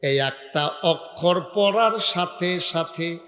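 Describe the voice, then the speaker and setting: A preacher, chanting rising lines and quizzing the crowd over a PA microphone. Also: male voice, high-pitched, slow, faint music behind. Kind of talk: sermon with call-and-response. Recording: echoey loudspeaker sound in a large hall.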